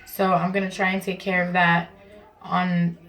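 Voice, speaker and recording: A woman's voice: on the low side, monotone, moderate pace, a bit bright. A woman vlogger talking casually and informally to camera, explaining things in a chatty way from her bathroom at home. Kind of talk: casual vlog talk to camera.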